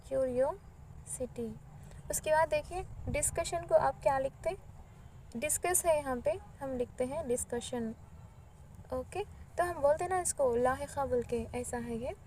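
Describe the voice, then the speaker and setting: High-voiced woman teaching a lesson. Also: a little mellow, slight background noise, poor audio. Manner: explains in Hindi mixed with English, reads English lines slowly. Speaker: English teacher. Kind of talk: textbook grammar lesson.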